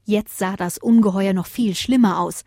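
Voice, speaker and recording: Woman telling a kids bedtime story, expressive, close dry sound. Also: medium pitch, normal speed, no echo. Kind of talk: children's story narration.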